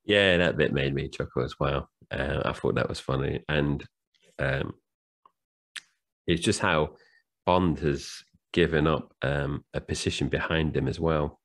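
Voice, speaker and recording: This man co-hosts a film podcast, chatting casually and retelling scenes with plenty of fillers. His bass voice is gravelly and a little slow.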